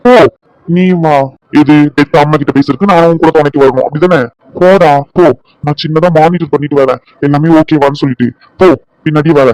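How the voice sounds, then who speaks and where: A man voicing a blunt young doctor who scolds and teases his friend in a cartoon drama, talking in brisk bursts. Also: a little high, darkish tone, no echo, close to an everyday voice, rough recording. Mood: teasing.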